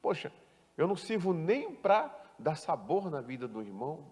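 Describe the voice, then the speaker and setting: A man pastor preaching a sermon, emphatic and full of rhetorical questions, swinging from loud to hushed. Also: fairly high pitch, very animated, normal speed, breathy edge, in a large hall. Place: church.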